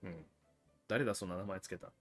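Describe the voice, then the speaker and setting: A deep-voiced man hosts a cigar livestream at a brisk pace, soft music playing behind him. His explanations are chatty and casual, often broken by asides to viewers.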